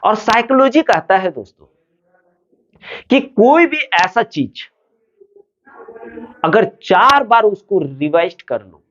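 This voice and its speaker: A man's voice: high-pitched, animated, slow, pauses often, fairly bright tone, highs cut off. A man giving motivational study advice to students, asking questions and answering them himself.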